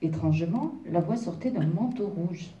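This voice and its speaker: A woman narrating a children's story with an expressive, lively reading. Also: fairly low pitch, normal speed. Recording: roomy, distant, dull sound.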